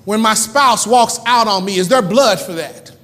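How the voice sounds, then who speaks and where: Male pastor, high voice, rhythmic repeated refrains, church hall reverb. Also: moderate pace, fairly bright tone. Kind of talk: sermon. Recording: church hall reverb, faint room noise.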